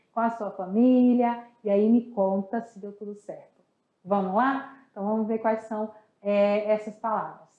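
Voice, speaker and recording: A young Brazilian woman teaching a Spanish class, lively and slow, repeating each word to drill it. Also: on the high side. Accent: Brazilian Portuguese. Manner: lively, drills words slowly and repeats them. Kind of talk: recorded online class. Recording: echoey room, dull lo-fi audio.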